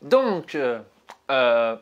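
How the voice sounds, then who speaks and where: A woman's voice: very deep voice, very animated, extremely slow, muffled recording, very noisy. A woman hosting her video channel, chatting playfully with many hesitations. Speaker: YouTuber. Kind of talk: casual chat.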